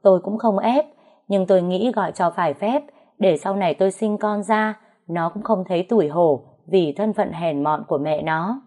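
A woman's voice: moderate pace, warm tone, close to an everyday voice. A woman voicing a smug, scheming, pregnant young second wife who taunts and whines in accusation. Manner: shrill, whining accusations.

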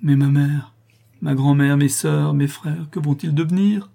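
A man's voice: medium pitch, moderate pace, warm tone, husky, lightly acted. A man voicing a desperate young woman in an audiobook, crying out in anguish. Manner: pleading, anguished cries. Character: desperate young woman, daughter of a ruined artisan. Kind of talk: audiobook character reading.

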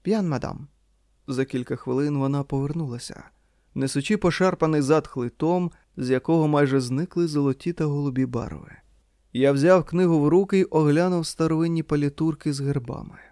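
A man narrating a literary audiobook in a calm, measured reading. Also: on the high side, clean tone, dry recording, clean studio sound.

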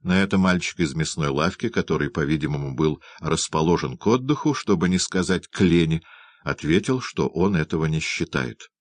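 A man narrating a classic novel as an expressive audiobook reading. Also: extremely low pitch, moderate pace, no echo.

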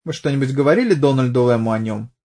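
A man's voice: medium pitch, expressive, fast talker, mellow, lightly acted. A man playing a blunt, mocking police detective who presses a witness, in an audiobook. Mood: probing. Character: pushy sarcastic middle-aged police detective.

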